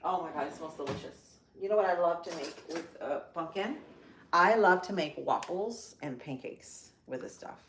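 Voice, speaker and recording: A woman's voice: on the low side, moderate pace. An upbeat woman with a Spanish accent hosts a live cooking demo from her home kitchen. She chats with viewers, greets them by name and walks through each step. The room is echoey and a faint hiss sits under her voice. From Central Florida, United States. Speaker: host of a live cooking stream.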